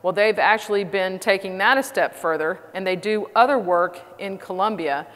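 A middle-aged Texan woman gives a chatty, self-deprecating talk in a large, reverberant conference hall, using frequent fillers. Her voice is medium in pitch, a bit bright, at a moderate pace.

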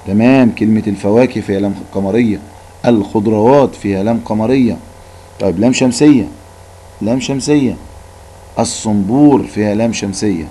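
A man's voice: lowish voice, warm tone, slight background noise, low-quality recording. Patient male Egyptian Arabic teacher. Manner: patient, repeats words for drilling. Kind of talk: recorded classroom lesson.

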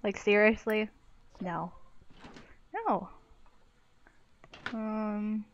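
A woman's voice: mid-range voice, fairly even intonation, drawn-out words, dull audio, a little hiss or hum. A young woman giving casual, exclamatory commentary while playing a life-sim game, swearing freely. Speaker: let's play gamer.

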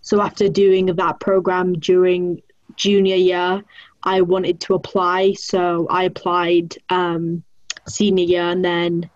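A woman's voice: on the low side, level tone, takes it slowly, no echo, highs cut off. A young woman student from England, speaking casually from her bedroom with fillers like "like" and "uh". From northern England. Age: young adult. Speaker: student panelist. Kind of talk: casual interview answer. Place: small bedroom indoors. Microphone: laptop webcam.

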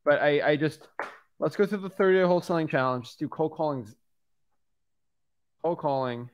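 Over a video call from his home studio, a wholesaling coach in his twenties talks straight and blunt into a studio microphone mounted on a boom arm. He has a smooth, slightly high voice and keeps a moderate pace.

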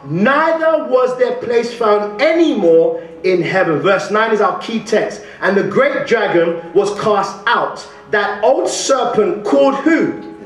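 Faint music plays behind a young guest preacher from England who speaks slowly and high-pitched in a West Midlands accent. Lively and questioning the congregation aloud, he gestures broadly at the pulpit. Sound from a stand mic and distant camera echoes through the large indoor church hall.

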